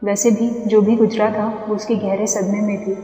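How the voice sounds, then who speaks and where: A woman narrates a horror story with steady, suspenseful drama. Her voice is even and flat in melody, and a long reverb trails each line. Soft music plays underneath. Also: medium pitch, moderate pace. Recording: echoey reverb with background music.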